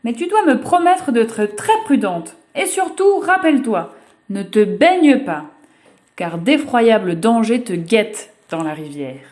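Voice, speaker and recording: A woman's voice: fairly high pitch, very animated, unhurried, darkish tone. A woman voicing a protective, cautious mother in a storybook reading, with a firm, warning manner.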